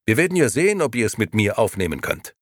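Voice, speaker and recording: A man reading an audiobook, voicing a defiant, anxious young man who speaks tense, raised and hoarse. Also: on the low side, sing-song, fast talker, dry recording, clean studio sound, exaggerated voice.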